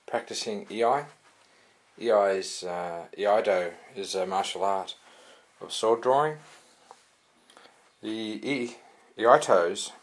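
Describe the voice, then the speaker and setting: A man giving a casual, rambling product review with many fillers and restarts. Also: fairly low pitch. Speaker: sword reviewer.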